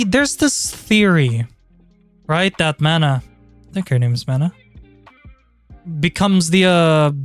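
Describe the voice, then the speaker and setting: A man chatting casually on a livestream in an informal, sweary, rambling way. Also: on the high side. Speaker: streamer. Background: background music.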